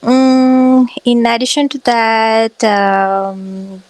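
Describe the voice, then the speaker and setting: A woman, a pageant guest on a podcast, speaking earnestly and haltingly with frequent fillers. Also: on the high side, little pitch movement, darkish tone, a little hiss or hum. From Sri Lanka. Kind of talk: podcast interview.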